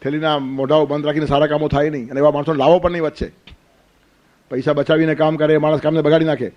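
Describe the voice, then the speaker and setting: Male spiritual teacher, lecturing firmly and scolding, with a slightly high pitch. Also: little pitch movement, quick pace, dull audio. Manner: forceful, scolding, rhetorical questions. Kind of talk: Gita discourse.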